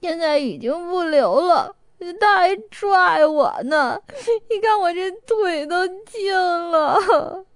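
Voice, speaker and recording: A woman's voice: expressive, slow pace, dry recording, clean studio sound, exaggerated voice. A woman voicing a young woman who wails and sobs hysterically after being beaten, in a storybook reading. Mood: tearful whimpering. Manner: wailing, shrill and broken by sobs.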